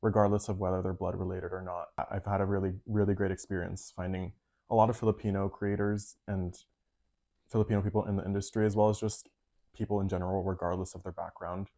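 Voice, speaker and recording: Deep, flat-voiced young man designer. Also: quick pace. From Panama. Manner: casual, fillers like 'like', soft-spoken. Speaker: fashion designer. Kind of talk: interview answers.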